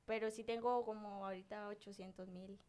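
A woman's voice: medium pitch, flat delivery, a little fast, warm tone, smooth. A woman from Guatemala with a Guatemalan Spanish accent, chatting casually as a guest about her videos, playful and talkative. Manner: chatty, playful, quotes her own sayings. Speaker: guest, TikTok creator. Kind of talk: casual chat.

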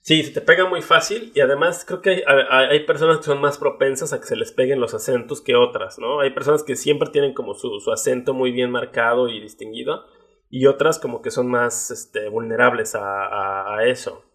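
Husky Mexican man chatting lively. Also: mid-range voice, normal speed. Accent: Mexican Spanish. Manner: chatty, lively, with many fillers. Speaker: podcast co-host. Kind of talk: casual podcast chat.

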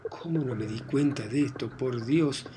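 A man's voice: mid-range voice, noisy background, natural voice. A man reading a tearful young heroine. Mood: pleading. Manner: pleading, tearful, halting. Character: emotional young woman torn in love. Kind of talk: audiobook reading.

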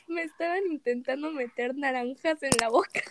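A woman's voice: high-pitched, moderate pace, background noise. A young woman with a Mexican Spanish accent tells a story animatedly in casual chat, acting out the dialogue.

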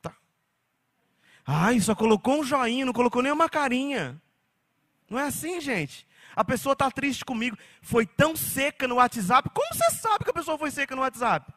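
A man preaching a sermon as pastor, animated, slipping into mocking quoted voices. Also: extremely high pitch, normal speed.

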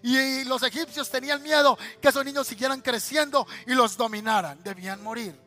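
A Colombian male pastor preaching a sermon, telling stories in a lively, colloquial way and speaking straight to his listeners. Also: very high-pitched, a little fast. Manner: storytelling, lively and colloquial, addressing listeners directly.

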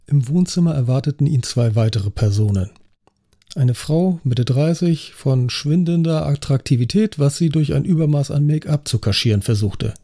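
A man reading a crime story as an audiobook narrator with a wry, even delivery. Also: a little high, normal speed. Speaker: audiobook reader. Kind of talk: scripted narration.

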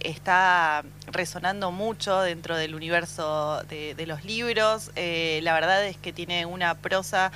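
Bright-voiced Argentine woman hosting radio. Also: fairly low pitch, slight background noise. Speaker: radio show host. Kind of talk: casual literary radio talk.

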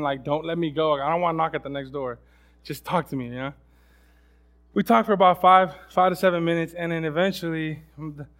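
A man's voice: a little high, a bit bright. A young man preaching a sermon in a casual, storytelling way, often restarting his sentences and acting out other people's voices. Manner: many restarts and fillers.

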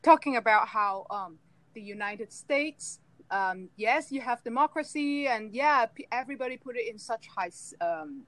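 Woman, from Hong Kong, podcast guest, chatty, fillers, higher voice, dry sound. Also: animated, moderate pace, a bit bright, no room sound, poor audio. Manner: chatty, laughs between points, many fillers. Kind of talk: casual discussion over a call. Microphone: phone on a call.

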